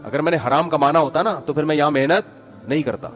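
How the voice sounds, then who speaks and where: A man voicing a poor but proud male vegetable seller, speaking low, quiet and firmly offended. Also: soft background music, natural voice. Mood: hurt, firm.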